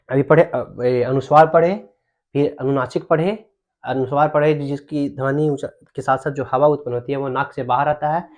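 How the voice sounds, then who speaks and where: A young man teaching a Hindi grammar lesson, explaining patiently and often checking whether the students follow. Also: a little high. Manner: explains slowly, checks understanding with repeated questions.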